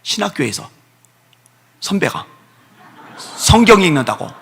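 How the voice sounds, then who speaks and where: Gravelly, bright-voiced preaching man. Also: fairly high pitch, sing-song, measured pace. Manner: tells personal stories with emphatic repetition. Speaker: pastor. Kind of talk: revival meeting sermon. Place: church sanctuary.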